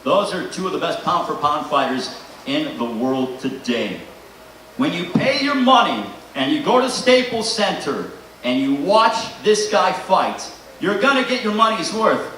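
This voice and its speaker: A man's voice: a little high, very animated, measured pace, sharp tone. A man hosting a boxing press conference, introducing fighters with a showy ring-announcer delivery. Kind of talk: boxing promotional introduction to an audience. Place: large echoey press conference room. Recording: echoey hall, distant mic, faint noise.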